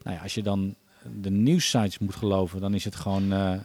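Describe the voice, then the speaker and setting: A man talks as a podcast guest, thinking aloud with many pauses and restarts. His voice sits low and sounds dark and mellow. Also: level tone. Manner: thoughtful, many hesitations and restarts. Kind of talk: casual podcast conversation.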